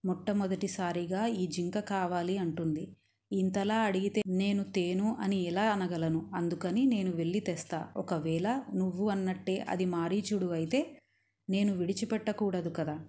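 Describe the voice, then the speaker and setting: A woman reading as a gentle, resolute prince. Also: lowish voice, steady tone, moderate pace, lightly acted. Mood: calm. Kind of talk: storytelling narration.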